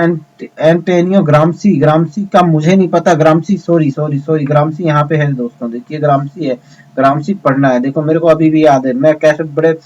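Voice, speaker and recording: A man's voice: on the high side, darkish tone. A man teaching an exam preparation lesson, repeating points and asking his students rhetorical questions. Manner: repetitive, addresses students as friends, rhetorical questions. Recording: dull lo-fi sound.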